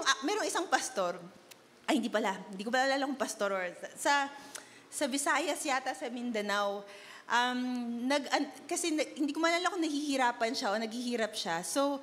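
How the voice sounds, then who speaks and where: A woman's voice: high voice, a bit bright. A young woman from the Philippines giving a chatty youth sermon, asking rhetorical questions and mixing Filipino with English. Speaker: youth worship speaker. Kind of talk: conversational sermon. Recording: long hall reverb.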